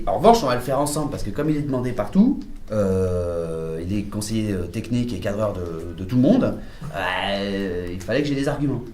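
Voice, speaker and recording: A man directing a film, telling animated anecdotes at a press conference, mimicking voices and laughing often. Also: lowish voice, roomy sound.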